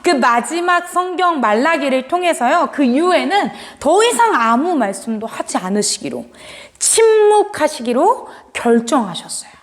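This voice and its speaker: A woman giving a children's sermon, telling the story in an animated way and speaking directly to the kids. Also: sits high, moderate pace. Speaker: children's pastor. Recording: long hall reverb.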